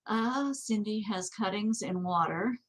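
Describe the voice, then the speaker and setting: A middle-aged American woman co-hosts a casual, conversational Q&A chat in a small indoor office. Her voice sits at medium pitch and she keeps a measured pace.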